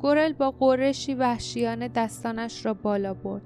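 A woman narrating a fantasy audiobook in a steady, dramatic storytelling manner. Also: fairly high pitch, soft background music. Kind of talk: scripted narration.

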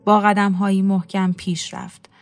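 A woman narrating a literary story in a measured, steady reading. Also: medium pitch, soft background music.

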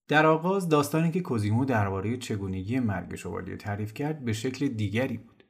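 A man narrating a novel in a calm, measured storytelling voice. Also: fairly low pitch, breathy edge.

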